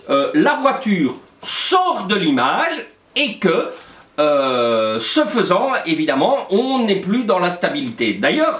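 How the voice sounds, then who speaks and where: A man's voice: sits high, a bit bright, echoey room. A male teacher explaining a lesson in a playful way, with frequent hesitations. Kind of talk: classroom lesson.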